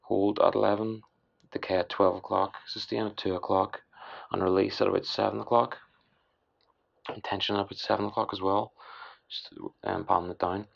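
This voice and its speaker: A man giving a casual, unscripted software tutorial in a tired, hoarse voice with a breathy rasp, halting and mumbling as he goes. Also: lowish voice, flat delivery. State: hoarse, worn-out late-night voice. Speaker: music production tutorial host. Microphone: voice-over on screen recording. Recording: dull, lo-fi voice-over.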